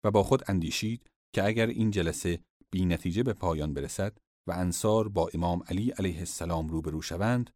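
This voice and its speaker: A man giving formal, measured scripted narration of religious history. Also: lowish voice, a little mellow, dry recording, clean studio sound.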